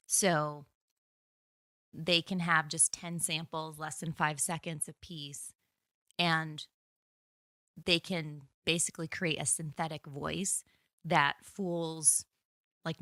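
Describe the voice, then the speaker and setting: A woman with a fairly low voice co-hosts a casual podcast, explaining things as she goes and thinking aloud with small restarts. The sound is dry and close to the microphone. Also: bright, forceful tone, no echo. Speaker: podcast co-host. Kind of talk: casual conversational discussion.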